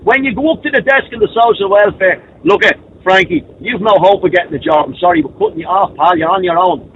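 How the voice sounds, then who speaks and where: A man's voice: high voice, quick pace, a bit bright. A man calling in to a radio show over a phone line, ranting bluntly and swearing. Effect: heard over a phone line. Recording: muffled phone line, faint vehicle noise.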